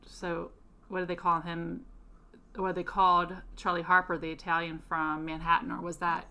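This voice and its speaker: Bright, chatty female podcast co-host who says "like" a lot. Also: lowish voice, little pitch movement, moderate pace, clean tone. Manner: chatty, agreeable, lots of "like". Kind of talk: casual chat.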